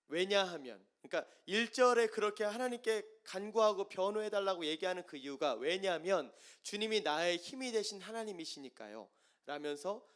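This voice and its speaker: A man preaching a sermon as pastor, moving from soft explaining to loud impassioned pleading. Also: a little high.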